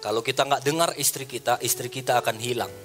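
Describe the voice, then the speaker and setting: Bright, forceful male pastor in conversational sermon mode, faint music underneath. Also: medium pitch, fast. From Indonesia. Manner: animated preaching, rising loud for emphasis; conversational, acts out quoted people.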